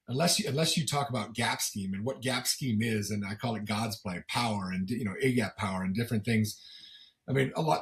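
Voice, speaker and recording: A middle-aged football commentator and former coach, appearing as a guest in a sports interview, talks casually in a medium-pitched voice roughened by a smoker's gravelly rasp. He's folksy and self-deprecating, often repeating words as he goes.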